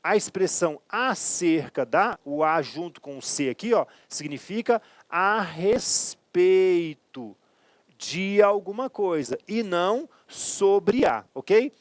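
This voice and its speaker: Brazilian male teacher, emphatic exam-coaching delivery, drawn-out key words, dry close sound. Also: high-pitched, animated, no room sound. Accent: Brazilian Portuguese. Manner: emphatic, checks in with "ok?" and "certo?". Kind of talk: exam-prep grammar lesson.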